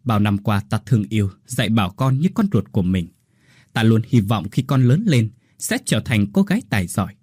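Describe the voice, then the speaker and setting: A man voicing a dying older woman who speaks gently and with remorse in a ghost story. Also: lowish voice, animated, brisk, breathy edge, no echo, studio quality. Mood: sorrowful. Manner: soft and tender.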